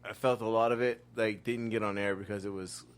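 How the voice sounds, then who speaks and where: A man's voice: fairly low pitch, fairly even intonation, a little fast, clean tone. A man in casual chat who talks like a frat bro, slangy and full of swearing. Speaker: reality show contestant.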